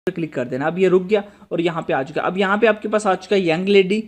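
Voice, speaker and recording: Narrating an app tutorial over a screen recording, this high-pitched host of a tech channel moves at a quick pace with a steady tone. He teaches step by step and repeatedly speaks to the viewers.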